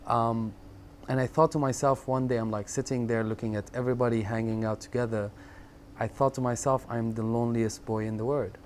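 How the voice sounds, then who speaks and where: A man in his thirties from Syria speaks in a reflective, halting way, often repeating words and pausing on fillers as he recalls his life. His voice sits at a middle pitch for a man. A faint background noise stays under the recording. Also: fairly even intonation. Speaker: interviewee. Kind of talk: personal storytelling in conversation.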